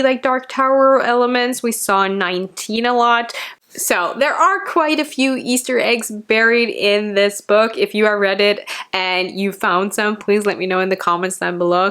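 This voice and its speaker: A woman hosting a casual book review vlog, chatty and excitable, speeding up when she gets excited. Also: medium pitch, clear, resonant tone.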